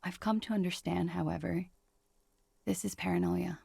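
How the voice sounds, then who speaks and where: A gravelly, guarded young woman. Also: fairly low pitch, fairly even intonation, a little mellow, no room sound, full character voice. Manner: measured, weary confession. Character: guarded, frightened young woman hiding from pursuers. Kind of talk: video game voice acting.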